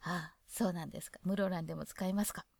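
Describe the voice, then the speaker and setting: A woman's voice: lowish voice, fairly even intonation, quick pace, vocal fry, a little mellow, dry recording, studio quality. A woman with a Hokkaido accent reading a guide on dialect aloud and adding chatty asides of her own. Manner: chatty, adds asides to the text. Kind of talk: casual reading with commentary.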